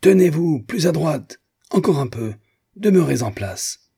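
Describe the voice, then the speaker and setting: A man's voice: low voice, normal speed, breathy edge. A man reading aloud, playing a fussy, tyrannical captain who barks orders. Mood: shouting. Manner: barking orders, shouting.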